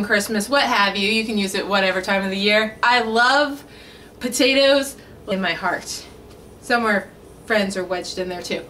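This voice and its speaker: A woman's voice: a little high, pushed and bright, slight background noise. A young woman hosting a casual cooking vlog from her home kitchen, chatty and full of puns, talking straight to the camera. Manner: jokey, punny, chatty.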